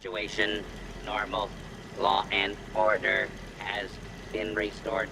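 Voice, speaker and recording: An actor voicing a calm male robot sailor on patrol, with a robotic machine voice and clipped, flat status reports like a ship computer. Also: on the low side, takes it slowly, gravelly, noisy background. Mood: calm, mechanical.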